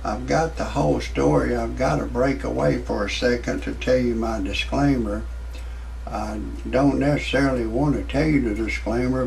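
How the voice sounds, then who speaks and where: A man's voice: mid-range voice, gravelly, a little mellow, a little hiss or hum. A man in his sixties hosting a parody show, rambling through a comic monologue with many fillers and restarts. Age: 60s.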